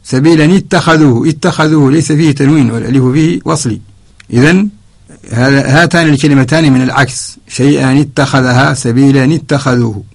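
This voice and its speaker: A man from Mauritania teaches a radio lesson on Quranic spelling, speaking in a steady voice of middle pitch. He works methodically through numbered examples and recites short verse fragments between his explanations. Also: brisk. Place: radio studio.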